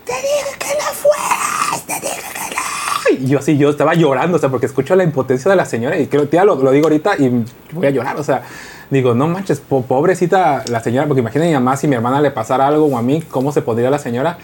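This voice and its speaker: A man with a Mexican accent, an emotional, animated storyteller in a casual podcast chat. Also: mid-range voice, very fast, slightly rough. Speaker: podcast co-host.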